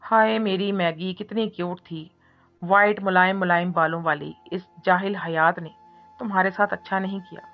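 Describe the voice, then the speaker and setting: A woman voicing a feisty, defiant young heroine who snaps back with quick scolding retorts in an audiobook reading. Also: fairly low pitch, fairly even intonation, close to an everyday voice. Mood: aggrieved. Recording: muffled recording with soft music.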